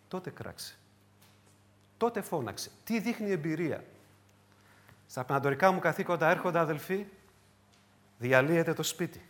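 A man preaching a sermon in a high voice. His pitch leaps and dives widely as he moves from ringing cries to hushed, low phrases. He presses his points through repeated rhetorical questions. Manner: repetitive, emphatic rhetorical questions.

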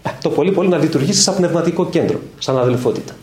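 This middle-aged evangelical preacher's voice is a little high and a little mellow. Leading a Bible study, he tells stories with quoted dialogue and asks his listeners questions, in an echoey room with faint ambience.

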